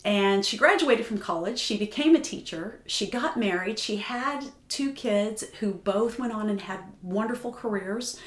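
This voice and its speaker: A woman guest from Oklahoma, telling a family story and talking about her work as a grant writer in an animated, heartfelt way. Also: mid-range voice, measured pace, few pauses, echoey room. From Tulsa, Oklahoma. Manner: animated, heartfelt, laughs easily. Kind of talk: conversational storytelling.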